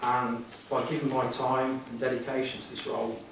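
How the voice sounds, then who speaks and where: A middle-aged man speaks earnestly and a little hesitantly, answering formal interview questions. His voice rings around a very echoey hall, picked up from a distance with clear noise behind it. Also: medium pitch, level tone, moderate pace. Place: echoey meeting room, addressing the room.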